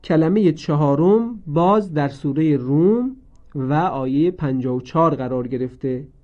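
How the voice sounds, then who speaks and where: A man teaching a recorded lesson on Quran reading, speaking slowly and deliberately and drawing out each word he recites. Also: fairly high pitch. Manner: slow, deliberate, repeats each word with drawn-out recited forms. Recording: dull lo-fi recording.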